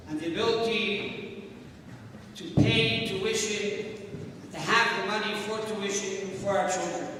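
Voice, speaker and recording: A man's voice: high-pitched, sharp tone, a little hiss or hum. A man giving an earnest, storytelling speech at a fundraising event, recorded in a large hall from far off. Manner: earnest storytelling, slow and deliberate. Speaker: event speaker.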